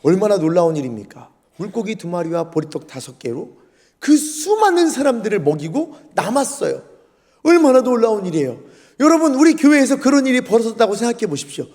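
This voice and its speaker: Lively, high-voiced pastor with gravelly edges. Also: male voice, fairly quick. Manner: lively storytelling, acts out scenes. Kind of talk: sermon. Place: church sanctuary. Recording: long church hall reverb.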